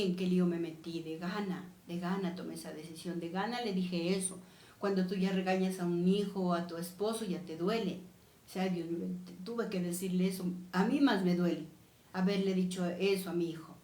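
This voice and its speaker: A woman's voice: on the low side, darkish tone, reverberant. A woman preaching a sermon, repeating her key phrases with emphasis. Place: church.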